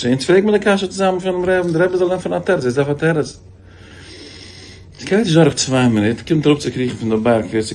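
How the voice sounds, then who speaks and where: Over a faint hiss or hum, a rabbi with a mid-range voice delivers a lively sermon on faith built around stories. He keeps restarting phrases and pitches his voice up for the people he quotes.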